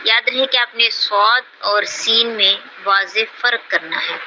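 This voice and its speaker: A woman's voice: mid-range voice, highs cut off, background noise. A young woman, patiently teaching Quran reading and stretching out each letter name with care. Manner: drawn-out, carefully enunciated letter names.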